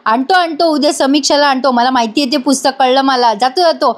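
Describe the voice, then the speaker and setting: A blunt, boastful young landlord who pushes people around, read by a woman. The voice is high. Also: a little fast, natural voice. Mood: brash. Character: brash young man, pushy landlord.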